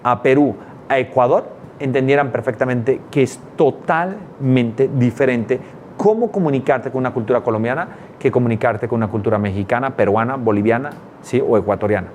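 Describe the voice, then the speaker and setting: A man teaching a course, talking emphatically, repeating words for stress and checking in with quick tag questions. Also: mid-range voice, darkish tone, a little hiss or hum. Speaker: business culture instructor. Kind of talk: explanatory talk to students.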